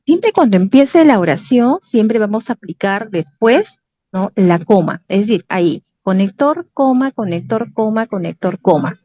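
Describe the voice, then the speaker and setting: Peruvian woman lecturing, dark dry voice. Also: medium pitch, animated, unhurried, no echo, highs cut off. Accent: Peruvian Spanish. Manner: patient, repeats "¿correcto?" and "¿ya?" to check understanding. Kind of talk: online academic writing lesson.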